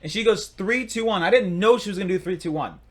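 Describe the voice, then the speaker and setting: A man's voice: sits high, fast talker, a bit bright. A young man co-hosting a casual podcast, telling rambling stories and playfully bragging. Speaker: podcast co-host.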